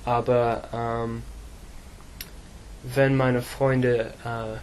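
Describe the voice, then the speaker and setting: A teenage boy from England, an English speaker practising German, answering slowly with many fillers and pauses. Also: mid-range voice, little pitch movement, darkish tone, slight background noise. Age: teens. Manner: halting, slow, many fillers. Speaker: student.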